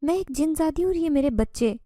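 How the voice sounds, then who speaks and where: A woman's voice: sits high, lively intonation, warm tone, no room sound, clean studio sound, pitched above the performer's own voice. A woman voicing a homeless female jinn mother who speaks in a strange, coaxing, familiar tone. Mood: earnest.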